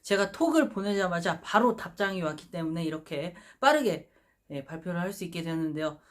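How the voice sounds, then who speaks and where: A woman's voice: on the low side, expressive, fairly quick. A woman hosting her own channel, speaking in a formal, polite presenter style as she addresses viewers. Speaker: host of a sports prediction channel. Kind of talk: giveaway announcement to viewers. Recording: music behind the voice. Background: music.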